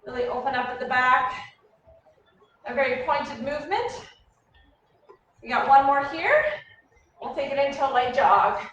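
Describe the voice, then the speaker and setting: Female workout instructor, high-pitched, energetic and encouraging, clipped commands and countdowns, recorded off-mic in a very echoey room. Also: moderate pace, pauses often, highs cut off. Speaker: fitness coach leading a warm-up. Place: echoey indoor room, heard from a distance. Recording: very echoey room, distant mic, faint noise.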